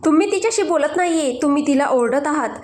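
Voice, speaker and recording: A woman's voice: sits high, lively intonation, fast, a little mellow, reverberant. A woman voicing a protective older brother in a storybook, protesting indignantly.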